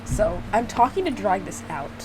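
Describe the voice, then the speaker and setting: Reacting to a visual novel she made, a female video creator offers casual, giggly, self-mocking commentary and reads parts aloud. She speaks at medium pitch and normal speed with big pitch swings, over music and background noise.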